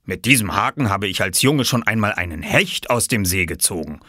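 Storybook audiobook: a man doing a calm, fatherly old farmer, lively delivery. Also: fairly low pitch, moderate pace, dry recording, studio quality. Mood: kindly. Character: kindly older male farmer.

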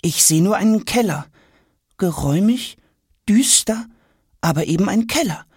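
A man's voice: sits high, lively intonation, moderate pace, husky, no echo, studio quality, voice pushed up. A man voicing a curious, impatient young boy in a children's story. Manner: eager, pleading when upset. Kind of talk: audiobook character voice.

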